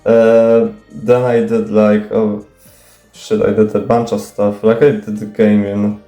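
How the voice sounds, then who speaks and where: This unscripted Q&A monologue features a nervous, self-conscious young Polish native speaker who stutters, restarts, fills pauses, and swears casually as he answers viewers. His lowish, dark voice moves little in pitch and takes its time. There's echo and faint music.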